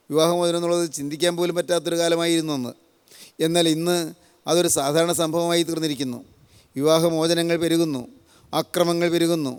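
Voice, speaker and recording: In a hall with long reverb, an older preacher from Kerala, India, delivers a solemn sermon built on repeated, parallel phrases. His voice sits a little high and sounds clear and resonant.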